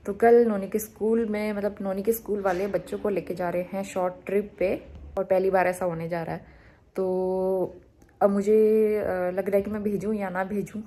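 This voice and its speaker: A woman talking casually to the camera at home as a vlogger, thinking out loud with pauses. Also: mid-range voice, little pitch movement.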